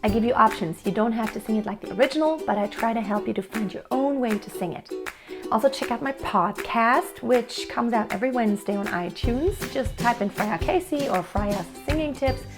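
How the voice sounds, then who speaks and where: With music playing underneath, a woman briskly gives vocal coaching tips to camera in a voice on the high side. She explains technique patiently and warmly, answers a viewer's question, and includes sung demonstrations.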